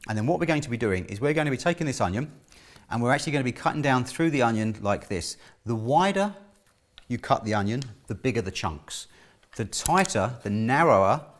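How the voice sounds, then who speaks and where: A man's voice: mid-range voice, animated, a little fast. A middle-aged man giving a casual cooking demonstration, chatty and instructional, often checking in with the listener. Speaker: chef presenting a cooking lesson. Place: indoor kitchen studio.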